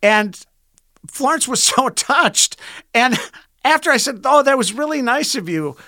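High-voiced, bright man swapping anecdotes. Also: expressive, unhurried, no echo, studio quality. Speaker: talk show guest telling anecdotes. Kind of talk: casual anecdotal chat.

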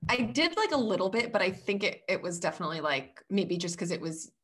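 A woman co-hosting a podcast in casual chat, telling stories in a chatty, animated way with frequent laughs. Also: mid-range voice, brisk, slightly rough. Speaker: podcast co-host. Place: away from home, recording remotely. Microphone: headphones over both ears.

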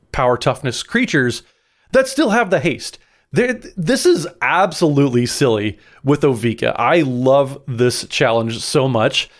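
A man co-hosting a casual podcast, chatting enthusiastically and reading out game card text. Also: fairly high pitch. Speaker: podcast co-host.

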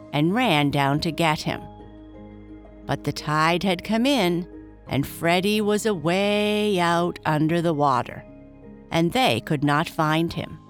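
A woman voicing a large, cheery, kindly father who tells a tale gently in a children's bedtime story. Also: on the low side.

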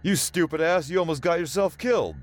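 A man voicing a rough male vigilante who shouts and curses, pitched above his usual voice. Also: fast talker, faint music behind, natural voice. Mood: angry. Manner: shouting, cursing.

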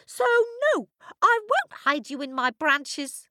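A woman voicing a shrill, scolding talking apple tree. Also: very animated, slow pace, bright, forceful tone, dry recording, studio quality, exaggerated voice.

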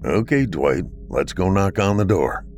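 A man voicing a gruff veteran county sheriff in an audiobook, talking low and terse. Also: lively intonation, unhurried, darkish tone, faint music behind.

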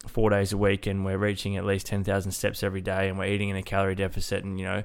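Low, nasal man, even pitch. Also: very fast, gravelly, smooth. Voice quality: nasal, congested-sounding. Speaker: podcast host, fitness coach. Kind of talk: casual solo podcast talk.

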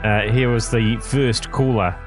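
A man's voice: medium pitch, steady tone, unhurried. A man hosting a casual news chat show, jokey and full of fillers. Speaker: podcast host. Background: music.

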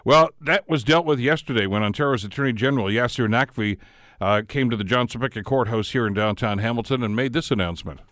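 A man's voice: medium pitch, fast talker, fairly bright tone, dry recording, studio quality. A man hosting a radio talk show. He talks conversationally and often repeats words as he frames his questions. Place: radio studio. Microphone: studio microphone.

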